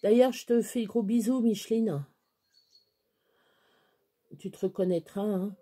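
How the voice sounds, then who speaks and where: A woman's voice: medium pitch, a little slow, dark tone, slightly rough. A middle-aged woman chatting to her viewers in a rambling, hesitant way, often restarting her sentences. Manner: chatty, hesitant, many restarts and fillers, baby talk to her dog. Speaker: vlogger. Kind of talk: rambling casual chat to camera.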